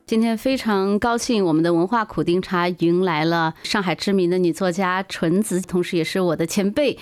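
A woman's voice: lowish voice, normal speed, faint music behind. A woman hosting a radio interview, guiding her guest with prompting questions. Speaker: radio host.

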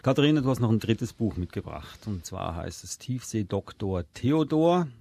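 A man hosting a studio podcast about children's books, dry and gently ironic. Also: on the low side, big pitch swings, normal speed, gravelly, slightly rough, no echo. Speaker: podcast host. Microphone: close studio mic.

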